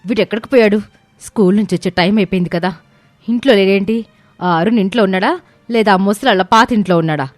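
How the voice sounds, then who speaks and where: A woman voicing a proud, quick-tempered wealthy young mother who scolds and shouts in a storybook. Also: mid-range voice, no room sound, soft background music, natural voice. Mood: irritated. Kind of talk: storybook character voice.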